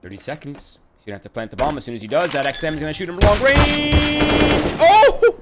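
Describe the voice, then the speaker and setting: A man calling a video game match play-by-play in an animated, conversational way. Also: medium pitch, rapid-fire. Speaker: esports commentator. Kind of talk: live play-by-play commentary. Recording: clearly noisy, gunfire and game sounds behind.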